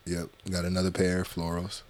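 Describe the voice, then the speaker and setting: Laid-back low-voiced man chatting. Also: monotone, fairly quick, a little mellow. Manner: laid-back, joking, swears freely. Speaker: podcast co-host. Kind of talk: casual podcast chat.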